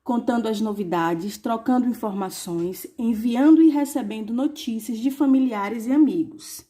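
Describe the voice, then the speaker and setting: A woman teacher reviewing a lesson for young pupils, saying examples slowly and asking rhetorical questions. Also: fairly high pitch, warm tone. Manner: slow, clearly spelled-out examples with rhetorical questions.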